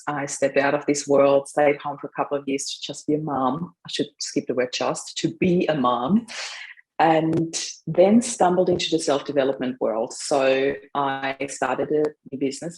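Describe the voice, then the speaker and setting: Woman from Austria, middle-aged, podcast guest, chatty, quick laughs, casual storytelling. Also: sits low, darkish tone, rough recording. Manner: chatty, laughs often, trails off with fillers. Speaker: mindset coach. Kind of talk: casual interview.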